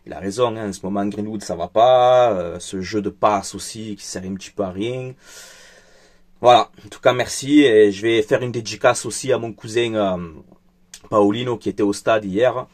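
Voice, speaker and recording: A man's voice: on the low side, moderate pace. Angry, chatty man debriefing a match. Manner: frank and chatty, with many fillers. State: angry and upset. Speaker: football vlogger. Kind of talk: casual football debrief.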